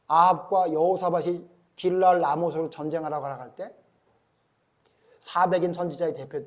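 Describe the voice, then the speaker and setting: A male pastor preaching a sermon, firing rhetorical questions at the congregation and building to a forceful rebuke. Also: high-pitched.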